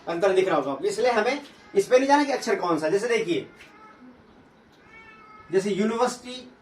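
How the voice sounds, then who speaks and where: A man teaches grammar to a class, posing questions and then answering them, and he slowly repeats each sound. His voice sits high. He is picked up from some way off, and the room echoes. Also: animated, far from the mic, a little hiss or hum. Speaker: English teacher.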